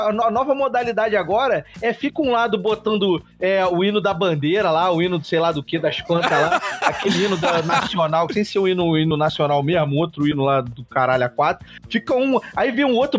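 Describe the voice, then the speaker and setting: High-voiced Brazilian man, laughing storyteller. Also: brisk, hardly any pauses, soft background music. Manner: laughing storyteller, swears freely. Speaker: podcast host. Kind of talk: casual podcast chat.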